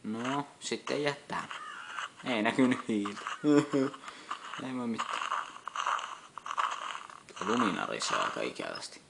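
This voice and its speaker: Cursing low-voiced gamer, noisy. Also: male voice, huge pitch swings, gravelly, long pauses. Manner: frequent cursing, exasperated muttering. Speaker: gameplay commentator. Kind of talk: swearing casual let's-play commentary. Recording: loud noise behind the voice.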